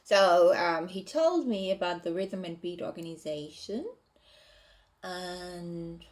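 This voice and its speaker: A woman reads from her novel draft and talks it over, hesitant and pausing to rethink her wording. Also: on the low side. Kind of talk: casual reading and commentary.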